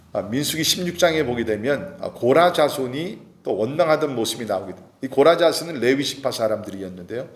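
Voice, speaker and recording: A male pastor delivers an early morning sermon in a middle-pitched voice, earnest and measured, with frequent filler sounds. He rises in pitch and force when he presses a point home. The recording rings with the echo of a church sanctuary. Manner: earnest preaching with many fillers, rising when emphatic. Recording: echoey church hall.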